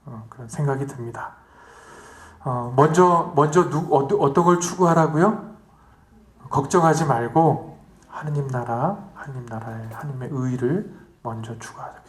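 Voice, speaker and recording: Lively priest preaching in an echoey hall. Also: male voice, medium pitch. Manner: lively, asks the audience questions, acts out the story in quoted voices. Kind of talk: retreat sermon.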